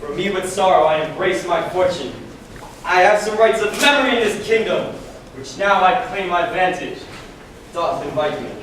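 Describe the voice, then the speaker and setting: Man acting highish commanding prince, echoey stage. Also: normal speed, fairly bright tone. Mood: formal, commanding. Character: Fortinbras, commanding young prince claiming a kingdom. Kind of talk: amateur stage Shakespeare acting. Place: school theater stage, recorded from audience. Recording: distant, echoey hall recording, clear noise.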